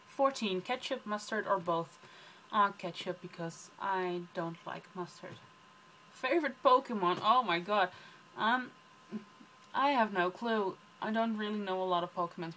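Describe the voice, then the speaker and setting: A young Dutch woman with a Dutch accent chats casually through a book vlog tag, answering questions with plenty of ums and rambling asides. Her mid-range voice sounds pushed and bright, and the rough recording carries a faint hiss or hum.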